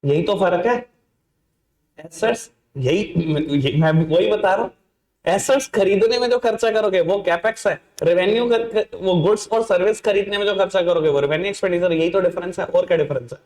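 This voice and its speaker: A man teaching accounting, in a playful, teasing voice that sits high for a man. He talks straight to his students and scolds them in jest. The sound carries a noticeable echo from the room. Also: fairly quick, darkish tone. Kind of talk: online class lecture.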